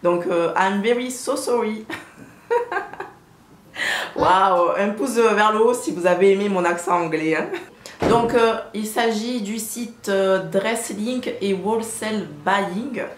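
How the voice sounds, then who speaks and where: A woman's voice: medium pitch, unhurried. Chatty French-speaking woman in an echoey room. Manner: chatty, many hesitant fillers. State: hot and sweating. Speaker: fashion vlogger. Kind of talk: casual haul vlog to camera. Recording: roomy, faint background hum.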